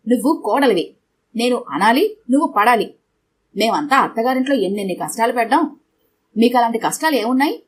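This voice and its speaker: A woman's voice: fairly high pitch, expressive, fairly quick, a little hiss or hum, lightly acted. A woman voicing a harsh older mother-in-law who scolds and lectures her daughter-in-law. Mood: scolding.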